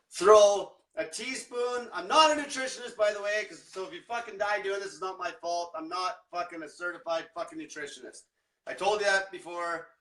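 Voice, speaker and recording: Casting: young male diet coach, blunt profane ranter, high voice, echoey room, distant mic. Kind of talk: livestream rant.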